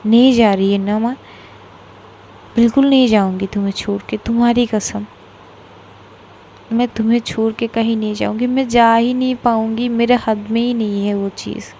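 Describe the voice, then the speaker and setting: A woman with a Bengali accent voicing a caring young woman who comforts and gently teases her partner. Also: fairly even intonation, moderate pace, a little hiss or hum, natural voice. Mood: soothing. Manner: soothing then teasing, a bit higher and brighter.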